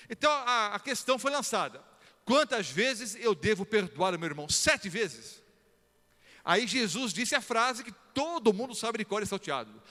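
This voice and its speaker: A middle-aged man, a pastor, preaching a sermon and telling stories in a lively way, acting out quotes and putting questions to the congregation. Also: high-pitched. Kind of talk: sermon with storytelling. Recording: long reverb of a large hall.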